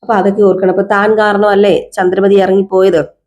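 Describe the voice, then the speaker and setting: A woman's voice: medium pitch, flat delivery, brisk, darkish tone. A woman casually retelling a TV serial episode in a chatty storytelling way, talking straight to her viewers. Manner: chatty, addresses viewers with tag words. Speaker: serial recap vlogger.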